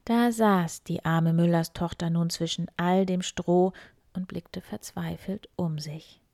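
Woman storyteller reading a fairy tale: slow, hushed, breathy, recorded dry. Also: fairly low pitch, fairly even intonation, no room sound. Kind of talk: fairy tale read aloud.

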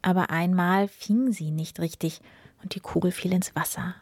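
A woman's voice: on the low side, fairly even intonation, normal speed, darkish tone, dry recording. A young woman hosting a storytelling show, welcoming listeners in a friendly, chatty way and then reading a fairy tale aloud. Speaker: storyteller host.

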